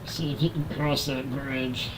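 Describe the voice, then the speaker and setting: On a headset mic, a nasal-voiced man in his 40s plays a game live and keeps up a relaxed, casual conversation with viewers in chat. His pitch is medium and his pace measured, with background noise present.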